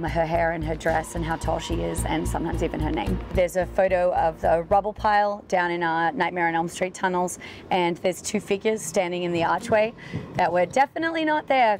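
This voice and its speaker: Female tour guide, slightly low voice, casual wry interview delivery, music underneath. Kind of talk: casual explanatory interview talk.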